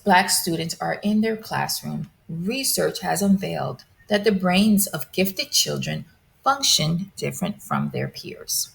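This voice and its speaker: A woman presenting a lecture, reading a prepared script in a measured, deliberate way. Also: fairly low pitch, gravelly, a bit bright.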